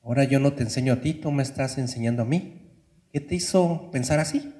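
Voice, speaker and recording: A man playing a gentle, caring male professor who speaks in a soft, questioning way. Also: mid-range voice, a little fast, close to an everyday voice. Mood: tender.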